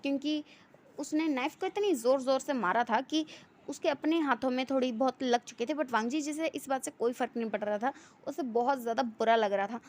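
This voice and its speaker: A woman's voice: high voice, brisk, darkish tone. A woman telling a fan-fiction story in a chatty, run-on way with many fillers.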